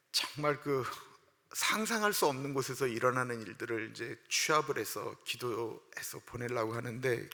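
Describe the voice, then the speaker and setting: Bright-voiced male pastor preaching. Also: medium pitch. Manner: earnest, emotional, rising to loud passionate outbursts. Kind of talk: sermon. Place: church sanctuary. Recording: long hall reverb.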